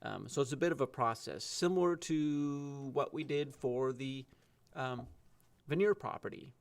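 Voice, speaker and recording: A man, the city's planning director, explaining technical procedure at a council work session, measured and sprinkled with ums. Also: mid-range voice, clean tone.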